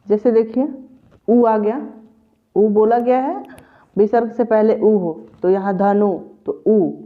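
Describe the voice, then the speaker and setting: A woman's voice: mid-range voice, slow pace. A woman teaching a grammar lesson for exam preparation, patiently repeating each example step by step. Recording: tinny phone-like audio.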